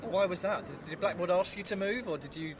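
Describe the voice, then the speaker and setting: A man's voice: high-pitched, a little fast. A man co-hosting a podcast with jokey, teasing casual banter. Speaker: podcast co-host. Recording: outdoor city recording with traffic noise.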